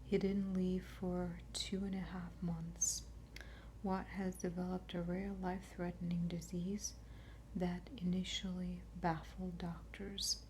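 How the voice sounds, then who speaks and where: A woman speaking in a soft, breathy library whisper, quietly and unhurriedly presenting as an ASMR host. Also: lowish voice, level tone, takes it slowly, a little hiss or hum. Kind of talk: soft-spoken ASMR whisper, library-style book show and tell.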